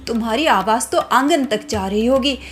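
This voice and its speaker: Woman doing a shrill, fretful sister-in-law. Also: moderate pace, close to an everyday voice. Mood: worried. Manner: alarmed, shrill exclamations. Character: anxious young sister-in-law, fretful and timid.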